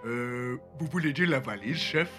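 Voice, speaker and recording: A man's voice: mid-range voice, lively intonation, unhurried, pushed and bright, raised voice, faint music behind. A man playing a timid, obliging cartoon henchman, servile and hesitant.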